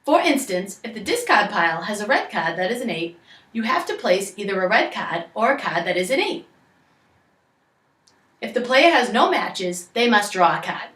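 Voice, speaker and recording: A woman's voice: medium pitch, big pitch swings, normal speed, fairly bright tone, roomy sound. A young woman with a Boston accent reads out instructions as if presenting to children, recorded in a living room on a distant camera mic. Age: young adult. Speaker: presenter of a game tutorial. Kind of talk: scripted instructional read-aloud in a storytelling manner. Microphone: camera a few metres away.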